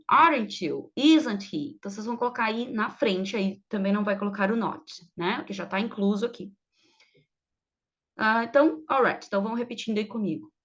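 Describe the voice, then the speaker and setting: A woman's voice: fairly high pitch, lo-fi sound. A woman teaching English online, patiently explaining and drilling phrases for students to repeat. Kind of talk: online language lesson.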